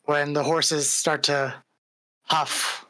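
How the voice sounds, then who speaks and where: A woman narrates a tabletop adventure as dungeon master, in a low yet bright, forward voice. She talks casually, filling her narration with little asides. The sound is dry and close on a home mic. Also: flat delivery, drawn-out words, no echo, low-quality recording. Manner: casual, filler-laden narration.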